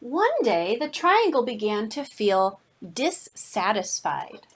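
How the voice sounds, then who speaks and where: A woman's voice: on the high side, sing-song, slow, slightly rough. A woman reading a picture book aloud to children expressively, unhurriedly adding asides and pointing things out along the way.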